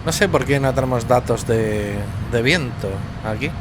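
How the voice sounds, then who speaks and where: A man with a Spanish accent, a native Spanish speaker, giving flight simulator commands and casual asides as the pilot. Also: a little fast. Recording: loud engine rumble behind the voice.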